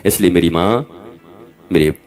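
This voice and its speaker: A man's voice: low-pitched, measured pace, a little mellow. Guy in his 50s giving a fiery sermon, scolds and calls out to the crowd. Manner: emphatic, preachy, chiding, calls out to audience. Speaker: spiritual teacher.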